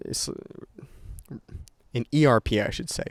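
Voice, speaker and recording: Here a young content creator speaks off the cuff to his camera, a little slowly, in a medium-pitched voice. He rambles, swears freely and restarts a lot. The audio is studio quality, free of echo.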